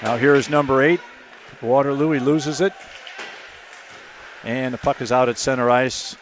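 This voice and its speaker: A man giving hockey play-by-play commentary, keeping a steady call that jumps to shouts on shots and goals. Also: mid-range voice, normal speed, slight background noise. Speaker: play-by-play announcer.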